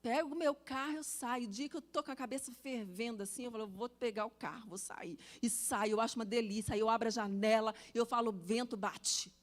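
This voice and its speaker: A woman gives a sermon testimony in a high, bright voice. She tells her story with animation and keeps turning to the congregation with questions. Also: quick pace, hardly any pauses. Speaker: preacher.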